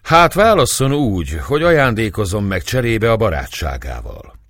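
A man's voice: on the low side, sing-song, a bit bright, no room sound, clean studio sound, pitched above the performer's own voice, exaggerated voice. A man voicing a wounded young soldier who talks in an eager, respectful way. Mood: earnest. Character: wounded young male soldier, earnest and proud.

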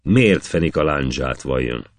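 A worried old mother pressing her son with anxious questions in epic verse as a man reads her part. The voice is extremely deep and dry, close to the mic. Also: expressive, no echo.

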